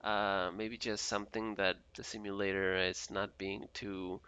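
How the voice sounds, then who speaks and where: A man's voice: on the low side, level tone, unhurried, pushed and bright, smooth. A man from Mexico streaming a flight simulator, chatting casually and reading viewer messages aloud with frequent laughs. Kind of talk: casual live-stream commentary reading chat.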